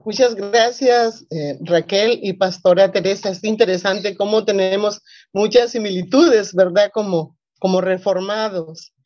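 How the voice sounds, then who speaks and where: A woman's voice: medium pitch, unhurried, a little mellow, no echo. Earnest Colombian woman pastor, lo-fi. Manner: earnest, rambling with many fillers. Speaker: presbyterian pastor. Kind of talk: panel discussion.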